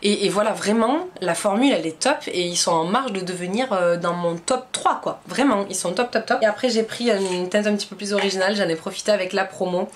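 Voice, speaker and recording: A woman's voice: mid-range voice, brisk, few pauses. Chatty young French woman vlogger. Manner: chatty and enthusiastic, many fillers. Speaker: beauty vlogger. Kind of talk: casual haul chat to camera.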